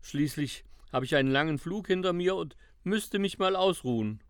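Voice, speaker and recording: A man's voice: a little high, lively intonation, normal speed, clear, resonant tone, no echo, clean studio sound. A man voicing a grumbling, sleepy eagle owl who befriends children in a children's audio drama. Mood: grumpy.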